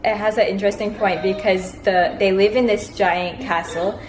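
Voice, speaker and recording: A woman's voice: mid-range voice, steady tone, moderate pace. Chatty young woman vlogging in a roomy space. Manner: chatty, frequent "like" fillers. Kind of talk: casual vlog chat. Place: home, indoors. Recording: roomy echo, distant from mic, faint noise.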